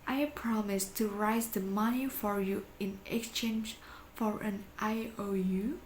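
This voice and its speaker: Woman acting slow, menacing stage blackmailer in echoey room. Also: medium pitch, steady tone, natural voice. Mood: coldly probing. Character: cold, insistent male bank clerk turned blackmailing moneylender. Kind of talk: amateur dramatic reading of a stage play. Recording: echoey room with faint background noise.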